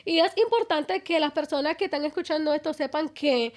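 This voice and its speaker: A woman's voice: high voice, brisk. A woman interviewing a guest, supportive and summing up what the guest says. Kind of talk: interview conversation.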